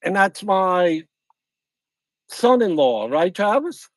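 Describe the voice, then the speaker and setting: A man's voice: high-pitched, big pitch swings, takes it slowly, no echo. Rambling Louisiana man on a livestream. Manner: rambling, repeats himself, greets viewers one by one. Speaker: fishing channel host. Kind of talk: casual livestream chat. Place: outdoors at a lakeside camp at night.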